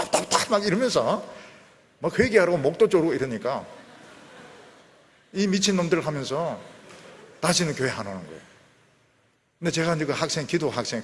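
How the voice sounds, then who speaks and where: A middle-aged man preaching from the pulpit with a lively, up-and-down delivery. He swings from sudden loud bursts to soft, fading line endings, and his voice carries a long reverb from a big church hall. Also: mid-range voice. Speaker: pastor. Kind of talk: sermon.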